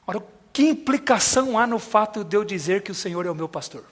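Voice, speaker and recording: A man pastor preaching a sermon. He repeats key lines slowly for emphasis and puts questions to the congregation. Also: high voice, lively intonation, long reverb tail. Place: large hotel conference hall.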